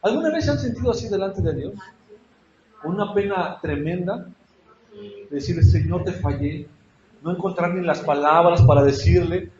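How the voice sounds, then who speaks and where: A man's voice: sits high, lively intonation, normal speed, a little mellow. A man preaching a sermon in a church, asking his congregation questions and acting out prayers with feeling. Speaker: pastor. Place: church hall. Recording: echoey church hall, dull lo-fi sound.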